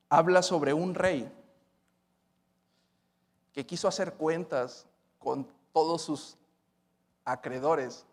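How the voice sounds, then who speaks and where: Man preaching in a church hall. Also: fairly high pitch. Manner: preaching with dramatic swings between loud and hushed. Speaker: pastor. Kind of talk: sermon.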